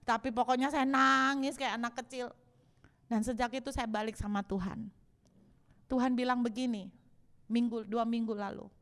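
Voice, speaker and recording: A young woman pastor preaching a sermon with lively delivery, acting out quoted voices and mixing in English phrases. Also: fairly high pitch, moderate pace, big-room sound.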